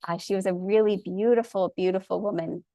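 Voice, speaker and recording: A woman's voice: mid-range voice, fairly even intonation, a little fast, warm tone, no room sound. A woman presenter telling stories in a lecture, earnest and openly enthusiastic about the people she describes. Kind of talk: storytelling lecture.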